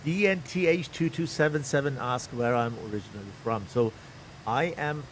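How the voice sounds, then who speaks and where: With a medium-pitched voice at normal speed, a middle-aged stream commentator from Iran, a native Persian speaker, calls a live flight-sim tournament from his home. He thinks aloud without hurry, and a little hiss or hum can be heard.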